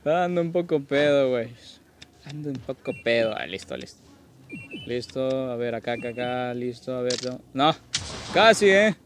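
A man's voice: mid-range voice, animated, moderate pace, background noise. A tipsy man gives casual gameplay commentary as a host, rambling, repeating himself and joking crudely. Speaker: gaming video host.

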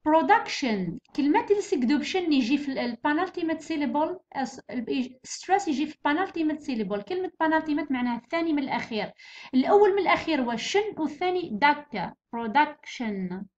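Algerian woman teaching, high dull-sounding voice. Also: lively intonation. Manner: explains patiently, repeats words slowly and clearly. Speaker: English teacher. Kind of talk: exam revision lesson. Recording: dull lo-fi recording.

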